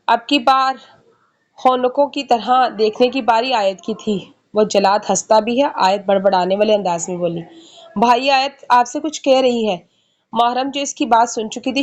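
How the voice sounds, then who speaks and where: Woman, storybook narrator, slightly high voice, reads all characters' lines herself. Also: a little mellow. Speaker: novel narrator. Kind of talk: reading a romance novel aloud.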